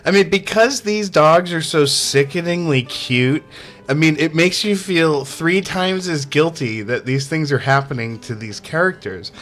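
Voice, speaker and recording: A man speaking a little slowly, with a fairly high pitch and fairly bright tone, voices a casual video game review over soft background music. Sarcastic and amused, he chats with many fillers and frequently breaks into laughter.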